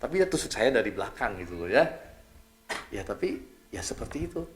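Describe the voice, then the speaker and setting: This lowish-voiced man is a middle-aged pastor from Indonesia, delivering his sermon casually, as if chatting. His talk is animated and talkative, with a fast "ya" often tacked onto the end of a phrase.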